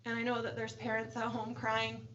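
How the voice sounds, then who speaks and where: A woman's voice: a little high, completely flat delivery, normal speed, fairly bright tone, lo-fi sound, a little hiss or hum. A woman school board member giving heartfelt, earnest thanks at a board meeting, close to tears. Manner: heartfelt, earnest, repeating "I know". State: emotional, near tears. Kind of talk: public remarks at a board meeting.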